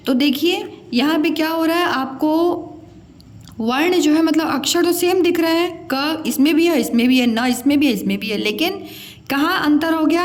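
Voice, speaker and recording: A woman teaching Hindi pronunciation, stretching out vowel sounds and repeating words to contrast them for her students. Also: high voice. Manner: addresses students kindly as 'beta'. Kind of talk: pronunciation lesson.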